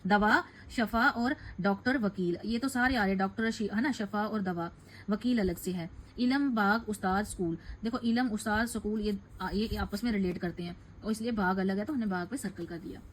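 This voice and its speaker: A woman's voice: mid-range voice, moderate pace, slight background noise, rough recording. A woman teacher reading out questions and answers for a class lesson, explaining step by step and correcting herself now and then.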